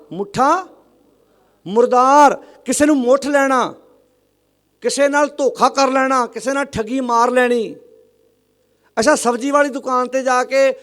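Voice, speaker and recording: A man delivers a sermon in a high voice to a congregation. He presses his points with rhetorical questions and calls on the listeners to answer aloud. He slows down to chant lines of scripture. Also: a bit bright. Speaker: Sikh religious preacher.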